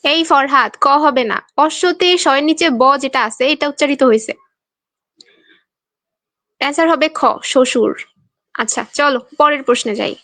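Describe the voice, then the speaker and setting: Young bangladeshi woman teacher, high voice, playful and teasing, quizzes the class, dry close mic. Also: moderate pace, pauses often, a bit bright, dry recording. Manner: quizzing students, reading their answers aloud. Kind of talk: online exam-prep class.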